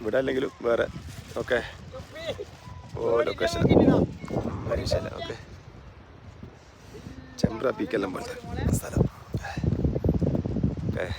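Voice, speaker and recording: A man's voice: medium pitch, wildly swooping pitch, unhurried, vocal fry, long pauses. A man with a Malayali accent giving casual, exclamatory vlog commentary, mixing English words into his Malayalam and repeating short phrases. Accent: Malayali, from Kerala. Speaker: travel vlogger on a group trek. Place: outdoors on a rural hill trail. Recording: noisy outdoors, wind and vehicle noise.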